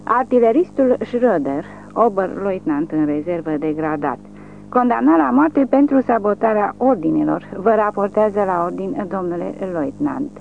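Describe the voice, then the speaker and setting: A woman's voice: mid-range voice, lively intonation, gravelly. A heavyset condemned male artillery officer reports in subdued, formal phrases, as a woman narrator voices him. The recording sounds tinny and phone-like, with a faint hum behind.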